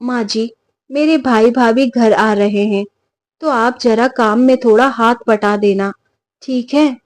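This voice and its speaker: A sharp-tongued young wife in a spoken storybook tale, as a woman narrator puts her on, scolding in a raised, high voice. She talks slowly and the sound is dry and close. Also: no echo. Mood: sweetly bossy. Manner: scolding, shrill when angry.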